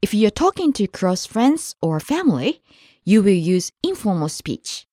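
A woman's voice: medium pitch, big pitch swings, a little slow, mellow, dry recording, clean studio sound. A woman co-hosting a scripted language lesson podcast, speaking with careful, model pronunciation.

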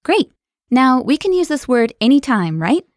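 Woman lesson co-host, upbeat and clear, slightly high voice, dry studio sound. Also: very animated, normal speed, no echo. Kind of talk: scripted podcast lesson.

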